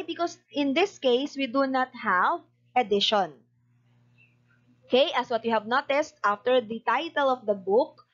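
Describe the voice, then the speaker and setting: A woman's voice: a little high, lo-fi sound. A woman teaching a lesson, methodically dictating punctuation and spelling item by item and explaining each step. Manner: repetitive, methodical. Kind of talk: instructional lesson, explaining citation format step by step.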